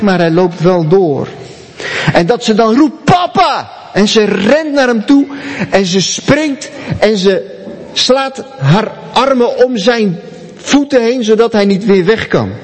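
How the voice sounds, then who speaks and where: A man's voice: high voice, darkish tone, long reverb tail. A man preaching a sermon, telling a story and talking directly to his listeners.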